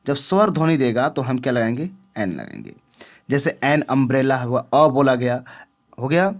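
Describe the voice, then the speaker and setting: A man with a mid-range voice and big swings in pitch teaches an English grammar lesson at a normal speed. He often asks the viewer questions to make sure they understand, in a classroom style.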